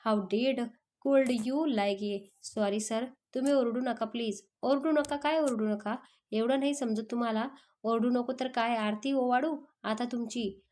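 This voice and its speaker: A short-fused young male boss, voiced by a woman narrator in a storybook. He snaps and shouts in exasperation, in a slightly high voice. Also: steady tone, takes it slowly. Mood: exasperated. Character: hot-tempered young male office boss.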